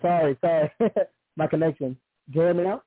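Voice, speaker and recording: A man's voice: a little high, brisk, dry recording. A man calling in over a muffled bluetooth phone connection that sounds underwater, talking loosely with lots of "like" fillers. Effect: muffled bluetooth phone line, sounds underwater. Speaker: caller. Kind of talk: casual call-in opinion. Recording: muffled dry phone-line call.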